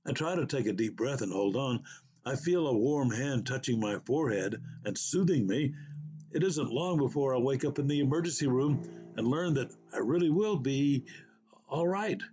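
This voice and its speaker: A man's voice: medium pitch, animated, normal speed, dark tone, soft background music, natural voice. A man voicing a frightened woman recalling her fall, told in an uncertain first-person way. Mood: dazed. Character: frightened injured woman, dazed after a fall.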